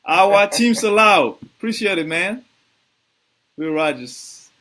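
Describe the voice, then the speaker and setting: A man hosting a live video interview, asking halting questions full of fillers and giving viewer shout-outs. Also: high-pitched, expressive. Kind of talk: casual live-stream interview.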